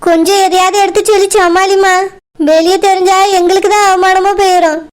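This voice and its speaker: A woman's voice: very high voice, little pitch movement, a little fast. A woman voicing an anxious middle-aged village mother in a cartoon, with a Kanyakumari Tamil accent and a pleading, soothing way of talking. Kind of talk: cartoon voice acting.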